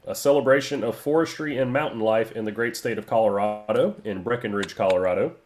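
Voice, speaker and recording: A man's voice: on the low side, a little fast, a little mellow, slight background noise. A man hosting a trivia game on a podcast in a joking, rambling way, stopping to hunt for words. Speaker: trivia quiz host, guest. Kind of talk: casual podcast quiz.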